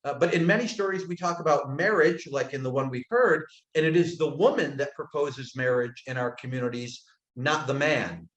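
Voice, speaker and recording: A man from upstate New York, a guest storyteller talking in a thoughtful, unhurried way, with many "uh" pauses and soft phrase ends. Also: medium pitch, lively intonation, reverberant, rough recording. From upstate New York, United States. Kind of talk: casual storytelling talk on a webinar. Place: indoors, abroad in Croatia.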